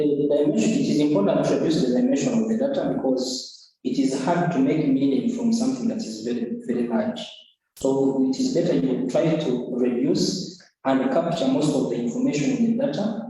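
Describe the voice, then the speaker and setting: Earnest student from Uganda, far and echoey. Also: male voice, medium pitch, normal speed, mellow. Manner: earnest, hesitant, repeats words while explaining. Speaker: student defending an essay. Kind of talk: academic oral examination.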